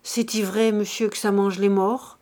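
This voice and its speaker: A woman's voice: medium pitch, little pitch movement, unhurried, dark tone, close to an everyday voice. A woman voicing a blunt, stubborn peasant servant woman who speaks her mind. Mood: insistent.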